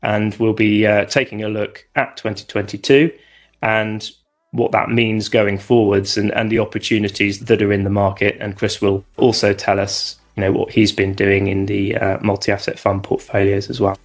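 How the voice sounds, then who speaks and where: A man with a fairly low voice gives conversational expert commentary. He phrases things in a measured, somewhat hesitant way, repeating words as he goes. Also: little pitch movement. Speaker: investment expert guest.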